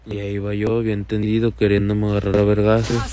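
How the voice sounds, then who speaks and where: A man's voice: on the low side, monotone, a little fast, over loud music. Swaggering man telling a story. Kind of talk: comic storytelling.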